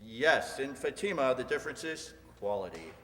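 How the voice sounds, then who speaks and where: A man's voice: mid-range voice, big pitch swings, moderate pace, fairly bright tone. A man announcing in a polished, emphatic 1950s radio advertisement style. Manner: emphatic salesmanship. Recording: reverberant hall, faint noise.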